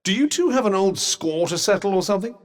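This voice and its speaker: In this fantasy video game dialogue, a sentient magical vambrace speaks as a wry, haughty, fussily cautious male companion with a British accent. His fairly high voice swoops expressively and moves fast, delivering formal, cautious understatement in a dry, sardonic, condescending tone. Every phrase trails off in long reverb.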